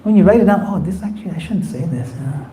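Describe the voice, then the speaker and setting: A spiritual teacher gives a conversational class in a temple hall, acting out quoted voices as he explains. His voice sits high, expressive and mellow, and he talks fast. The low-quality recording carries a slight hiss or hum.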